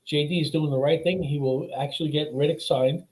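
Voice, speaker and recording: A man's voice: a little high, fairly even intonation, brisk, darkish tone, rough recording. An emphatic man from New York calling in to a sports show, talking casually and swearing freely. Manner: emphatic, profane, repetitive. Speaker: caller. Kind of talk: casual sports fan talk.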